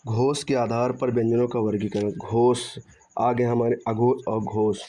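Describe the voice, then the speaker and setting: The audio is dull, muffled lo-fi as a man with a warm, mid-range voice and little pitch movement teaches Hindi grammar online at a measured pace. He restates points, asks and answers his own questions, uses "theek hai" to check in, and lengthens syllables when spelling sounds.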